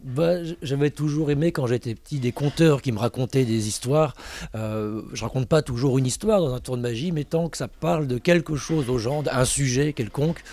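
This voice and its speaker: A man's voice: medium pitch, normal speed, warm tone, a little hiss or hum. A man, a stage magician, answering casually and reflectively in an interview.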